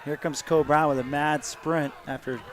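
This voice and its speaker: Man commentating a track meet, loud outdoors. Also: on the high side, flat delivery, moderate pace. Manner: casual, joking, reads results and lane lists. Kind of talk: live sports commentary. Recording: loud outdoor ambient noise.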